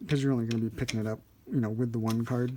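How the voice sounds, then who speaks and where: A man with a mellow, relaxed voice of medium pitch walks through a hands-on demonstration. He speaks informally as an instructor, hesitating now and then as he thinks aloud. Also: racing, a little hiss or hum, low-quality recording. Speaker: card trick instructor. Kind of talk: casual hands-on tutorial.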